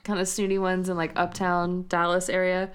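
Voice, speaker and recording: Smooth-voiced young woman, relaxed chat. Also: lowish voice, normal speed. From San Antonio, Texas. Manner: relaxed, rambling, giggles often. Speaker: podcast co-host. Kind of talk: casual chat.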